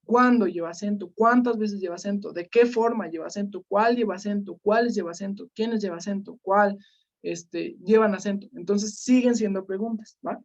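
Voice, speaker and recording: A woman's voice: mid-range voice, normal speed. Woman teacher calling on students. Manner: questioning students by name, many fillers. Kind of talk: online class lesson. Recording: slightly dull lo-fi sound.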